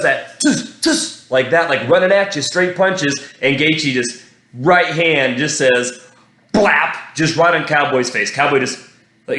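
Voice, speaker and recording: Rambling excitable man in an echoey room. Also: fairly high pitch. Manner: rambling, excitable, swears casually, quick bursts and restarts. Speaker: podcast host. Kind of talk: casual fight recap monologue.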